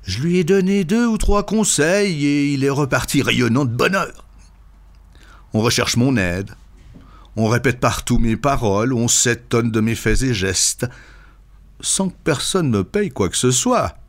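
A man reading short absurdist stories aloud with expressive, lively storytelling. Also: medium pitch, unhurried. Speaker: reader.

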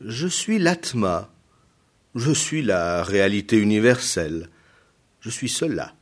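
A man voicing a calm, fearless young hero in a read-aloud tale, speaking softly and evenly. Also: on the low side, slow pace. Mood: serene.

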